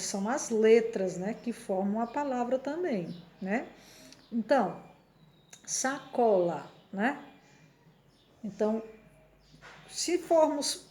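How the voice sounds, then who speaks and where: A woman's voice: on the high side, darkish tone. A Brazilian woman teacher giving a patient lesson, often checking in with her listeners and sounding words out syllable by syllable. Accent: Brazilian Portuguese. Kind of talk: slow classroom explanation.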